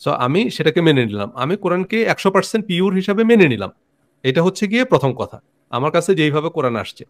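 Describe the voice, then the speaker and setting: A Bangladeshi man hosting a religious discussion, explaining his position in a measured way with pauses and fillers. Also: fairly high pitch, big pitch swings. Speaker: host.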